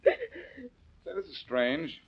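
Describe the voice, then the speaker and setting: An actor playing a wry, confident male detective on an old radio show, with a gravelly, husky voice and dry, probing questions. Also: a little high, animated, slow pace, exaggerated voice. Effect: old radio show broadcast. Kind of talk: 1940s radio acting. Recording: dull lo-fi old radio recording.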